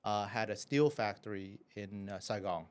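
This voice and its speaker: This podcast guest, a café owner from Vietnam, recounts his life in a relaxed, filler-heavy manner, often finishing with "right?". He has a fairly low, clean-toned voice and talks at a normal speed.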